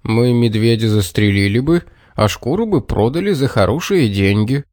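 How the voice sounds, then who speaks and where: A man's voice: medium pitch, expressive, normal speed, a little mellow, no room sound, clean studio sound, lightly acted. A man as a stern grumbling father.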